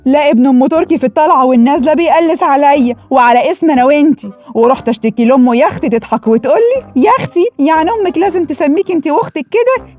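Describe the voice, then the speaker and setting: An actress voicing a gentle, lovesick sister who plays the peacemaker in a comic radio serial, speaking with an Egyptian accent in a soothing, chatty way. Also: female voice, high-pitched, rapid-fire, few pauses, soft background music, natural voice. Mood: complaining. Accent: Egyptian Arabic.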